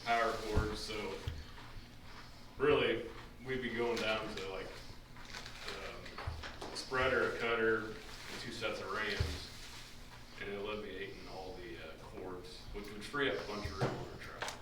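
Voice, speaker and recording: A man presenting a fire department budget at a village meeting, plain and halting with frequent ums. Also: fairly low pitch, steady tone. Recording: echoey room, distant mic, noisy.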